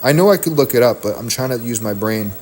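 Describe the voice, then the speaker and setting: A man's voice: mid-range voice, lively intonation, fast, a little mellow. A man streaming from home, delivering a heated, profane, rambling rant into a desk mic. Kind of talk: ranting stream talk.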